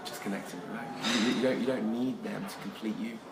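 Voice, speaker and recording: A man hosts a casual live talk, enthusiastic and a little rambling, often repeating words. His voice sits slightly low. Clear ambient noise fills the background. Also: fairly even intonation, a little fast. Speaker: host. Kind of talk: casual conversation.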